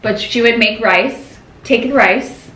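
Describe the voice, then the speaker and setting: A woman co-hosting a casual podcast, telling animated family stories with lively voice swings. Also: on the high side, slow pace, a crowd in the background. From Filipino-American family. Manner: animated storyteller, acts out her mom. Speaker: podcast co-host. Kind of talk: casual chat. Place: home room. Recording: echoey room, faint noise.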